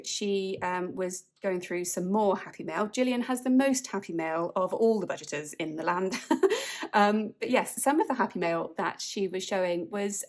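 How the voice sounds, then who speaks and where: A chatty woman from the UK talks casually as she counts out cash, laughing here and there. Her pitch sits in an ordinary middle range. She sounds a little spaced out from medication. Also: darkish tone. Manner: chatty, counts money aloud, laughs often. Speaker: budgeting vlogger. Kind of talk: casual chat while cash stuffing.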